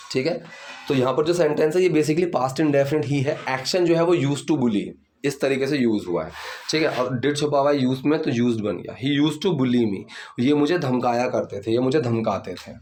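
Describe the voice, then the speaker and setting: A man's voice: medium pitch, darkish tone, a little hiss or hum. Guy teaching english grammar, patient, mid voice, keeps saying okay. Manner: patient, repeats "theek hai" often. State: sore hands from the gym. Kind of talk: grammar lesson explaining sentences.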